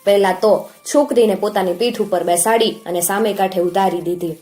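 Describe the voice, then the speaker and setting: A woman narrating a children's story in a steady, expressive way. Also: medium pitch, a little fast. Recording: faint background music.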